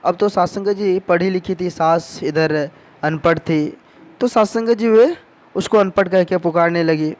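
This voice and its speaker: A man tells a devotional story in the manner of a sermon, with a voice pitched a little high. He keeps turning to his listeners with respectful address. The tone is plain and earnest. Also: measured pace. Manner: repeatedly addresses the congregation respectfully. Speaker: devotional speaker.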